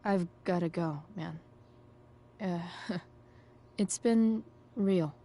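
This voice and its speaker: A woman's voice: fairly low pitch, drawn-out words, dark tone. A woman voicing a sarcastic, rebellious teenage girl in a video game, slangy and hesitant, with a wry drawl. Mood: wry, uneasy. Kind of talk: video game dialogue and muttered inner commentary.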